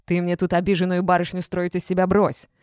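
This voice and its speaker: Woman doing a domineering middle-aged man, gruff, bossy, blunt, dark mellow voice, dry. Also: low-pitched, normal speed, dry recording. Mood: angry.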